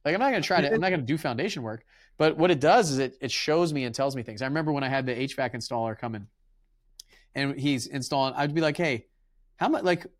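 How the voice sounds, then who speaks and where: A man hosting a podcast, talking in a relaxed, rambling way and acting out his conversations with tradesmen. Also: medium pitch, fast talker. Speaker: podcast host. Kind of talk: casual interview chat.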